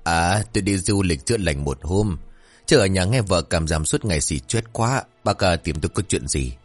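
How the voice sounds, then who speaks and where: A man voicing a crafty, crude old village shaman who talks gruffly and scolds. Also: low-pitched, lively intonation, normal speed, soft background music. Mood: wry.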